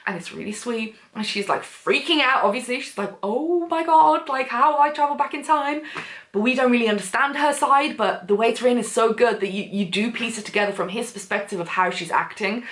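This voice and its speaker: A woman chattily recommending books, gushing and full of fillers with big swings in pitch. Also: brisk, a bit bright. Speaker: book vlogger. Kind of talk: casual book recommendations. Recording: echoey room.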